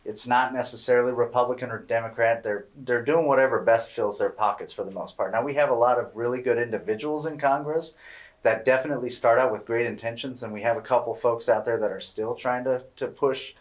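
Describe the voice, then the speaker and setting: A man co-hosting a podcast, talking in a relaxed, rambling, opinionated way and swearing now and then. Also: mid-range voice, a little fast. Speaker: podcast co-host. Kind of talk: casual podcast chat.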